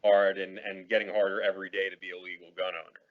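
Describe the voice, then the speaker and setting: A man in his thirties from New York, hosting a podcast and chipping in with halting, hesitant remarks. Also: low voice, flat delivery. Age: 30s. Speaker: podcast host. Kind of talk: casual interview chat. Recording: dull lo-fi sound.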